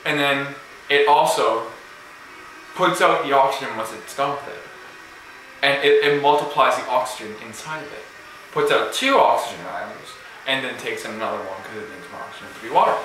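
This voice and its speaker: Man rambling in a bright, echoey room. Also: mid-range voice, brisk. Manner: rambling, hesitant, makes up answers with confidence. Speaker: guest answering a quiz question. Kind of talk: casual improvised explanation. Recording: echoey room with faint hiss.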